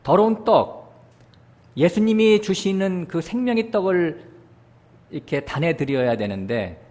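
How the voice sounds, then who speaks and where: A man preaching a sermon with strong swings in pitch and loudness. He often drops to a low, soft aside and checks with his listeners. He bursts upward when he voices quoted scripture. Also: a little slow. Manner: animated preaching, voicing God's words with sudden rises in pitch and loudness; often checks with the congregation using short asides. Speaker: pastor.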